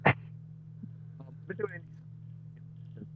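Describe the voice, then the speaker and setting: A man's voice comes through a thin, phone-like call line that keeps garbling and breaking up. He speaks in a casual, rambling way, full of fillers and self-deprecating asides. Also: drawn-out words. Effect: garbled, breaking-up call audio. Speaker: guest indie game developer. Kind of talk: casual chat. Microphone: remote call audio, switched to phone.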